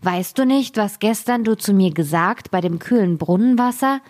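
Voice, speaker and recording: A woman voicing a pleading male frog from a fairy tale, who talks slowly and insistently. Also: medium pitch, lively intonation, darkish tone, close to an everyday voice. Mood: coaxing.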